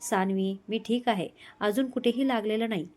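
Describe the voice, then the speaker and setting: A woman's voice: mid-range voice, moderate pace, a little mellow, close to an everyday voice. A woman voicing a young husband who talks to his wife in a teasing, affectionate way, read in her own voice as part of a storybook reading. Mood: tender.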